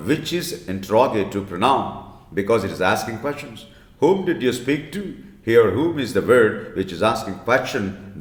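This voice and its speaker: A man with an Indian English accent teaches a grammar lesson in a lowish voice that swings up and down a lot. He explains step by step and repeats his examples, tossing in "you know" and "right?". The recording is echoey, as in a bare room.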